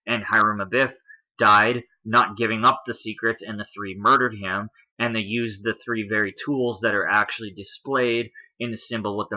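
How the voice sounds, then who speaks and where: Over a set of images, a man talks through his points one by one in casual explanatory commentary, spelling letters out and repeatedly saying "if you will." His fairly low voice has a sharp tone, and the recording is rough.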